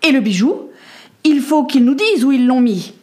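A woman's voice: high voice, very animated, moderate pace, a little mellow, pitched above the performer's own voice. A woman voicing a spiteful male quartermaster who sneers and accuses. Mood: sneering.

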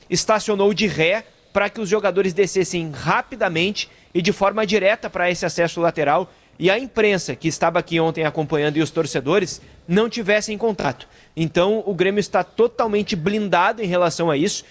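A man giving a live, unscripted sports report, explaining things with hesitant pauses. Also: sits high. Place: inside a hotel, live on camera.

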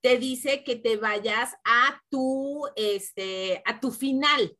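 A woman talks in a relaxed spiritual podcast conversation. Her voice sits high and rings bright. She leans into repeated affirmations in an earnest, reassuring way. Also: very slow. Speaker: podcast co-host. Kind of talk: casual spiritual chat.

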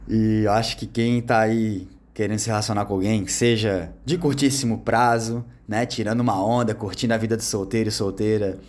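A man's voice: on the low side, a little mellow. A Brazilian man giving relationship advice in a casual monologue, slangy and emphatic, talking straight to his audience.

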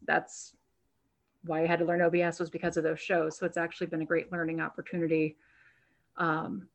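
A woman's voice: lowish voice, vocal fry. A woman guest talking casually in an interview, chatty and restarting her sentences as she thinks. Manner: chatty, repeats words while thinking, many "um"s. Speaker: guest, burlesque performer and show producer. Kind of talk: conversational interview answers. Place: home, on a video call.

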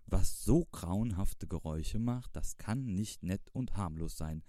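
A man's voice: sits low, lively intonation, a little slow, mellow, no echo. A man voicing a wise, self-assured female owl in a storybook, with a lecturing, self-important manner. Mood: knowing.

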